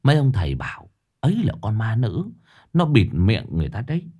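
A man narrating a ghost story in a dramatic, expressive storytelling manner. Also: fairly low pitch, a little fast, breathy edge.

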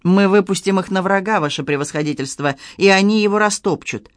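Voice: medium pitch, a little fast, no room sound, close to an everyday voice. Reader doing an eager young male officer, earnest, urgent, dry close sound.

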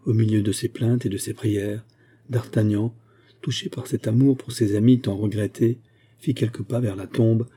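A man reads a classic novel aloud in a measured, even way. His voice is very dark and husky, sitting somewhat low. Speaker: audiobook narrator. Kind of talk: scripted literary narration.

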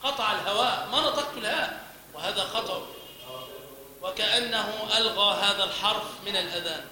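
A man's voice: sits high, a little fast, sharp tone. A man giving a religious lesson on pronouncing the call to prayer, demonstrating sounds by chanting and repeating syllables. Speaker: teacher of the call to prayer and Quran recitation. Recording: echoey hall.

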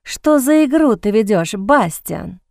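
A woman's voice: on the high side, animated, slow, gravelly, a little mellow, no room sound, clean studio sound, heavily acted. A woman voicing a young heroine in an audiobook, breathless and pleading, torn against herself. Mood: wary. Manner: breathless, pleading, self-reproaching.

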